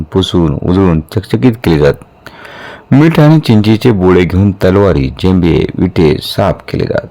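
A man reading a historical novel aloud in a measured, steady storytelling manner. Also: low voice. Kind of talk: audiobook narration of a historical novel.

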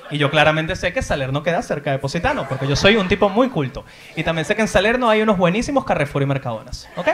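A man's voice: a little high, a bit bright, reverberant, slight background noise. Man, Venezuelan accent, stand-up crowd work, playful teasing, stage mic. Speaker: stand-up comedian. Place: theater in Madrid.

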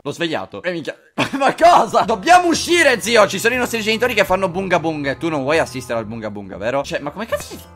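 A man gives let's-play commentary in a high, very animated voice that jumps all over. He jokes crudely and swears freely while addressing his audience directly. Faint game music plays underneath. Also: quick pace. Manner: jokey, crude, swears often; talks to viewers directly. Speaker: gaming video host.

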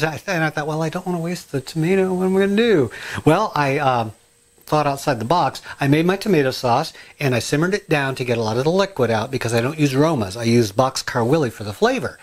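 Excitable middle-aged man rambling in his kitchen. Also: on the high side. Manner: rambling and excitable, many asides and ums. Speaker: home cooking and gardening vlogger. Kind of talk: casual chatty kitchen vlog. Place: home kitchen, indoors.

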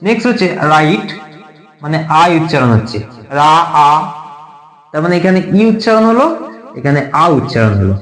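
A man's voice: a little high, sing-song, fast talker, roomy sound. A man teaching an English lesson in a casual video style, spelling words out letter by letter and repeating each point many times.

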